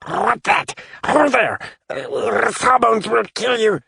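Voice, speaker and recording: Casting: a small, gravelly, scheming kobold, high and very slow, broken grammar. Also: male voice, bright, forceful tone, no echo, studio quality, heavily acted. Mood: alarmed. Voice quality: raspy, gravelly. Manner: broken speech, refers to himself by name. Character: small scheming male kobold creature, raspy. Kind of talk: audiobook character voice.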